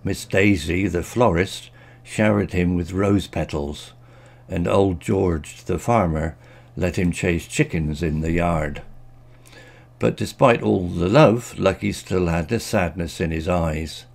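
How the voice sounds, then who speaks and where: A man narrating a children's story in a gentle, expressive storytelling manner. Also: low-pitched, slow pace, gravelly.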